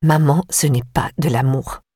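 A woman voicing a disturbed young woman, eerily calm and obsessive, in a slow, low murmur for an audiobook. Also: breathy edge, no echo, studio quality. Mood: eerie calm.

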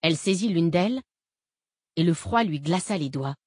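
A woman narrating an audiobook in an even, measured reading voice. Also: fairly low pitch, breathy edge, no room sound, clean studio sound.

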